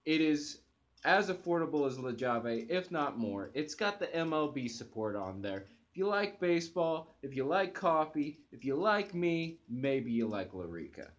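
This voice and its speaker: A young coffee-review host speaks from his sofa in a high voice with big pitch swings and a moderate pace. He addresses the camera eagerly but falters with restarts and fillers. The close webcam recording loses its high frequencies.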